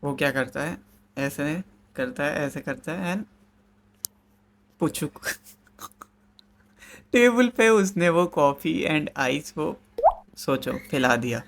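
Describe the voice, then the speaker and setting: Lively young man telling a story. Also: a little high, slow pace, vocal fry, pauses often, slight background noise. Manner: animated storytelling, laughing through it. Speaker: YouTuber. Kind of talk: casual storytime vlog.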